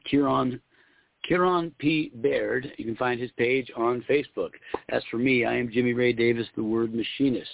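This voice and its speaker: A man calling in to a radio show over a phone line, talking in an excited, quick, rhythmic way. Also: mid-range voice, gravelly, no echo. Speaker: radio show caller and poet. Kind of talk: casual on-air chat.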